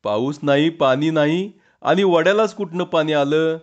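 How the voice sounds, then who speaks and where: A man's voice: a little high, normal speed, close to an everyday voice. A man voicing an anxious, outspoken village wife, with rustic exclaiming speech in a dull lo-fi recording. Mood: anxious scolding. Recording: dull lo-fi sound.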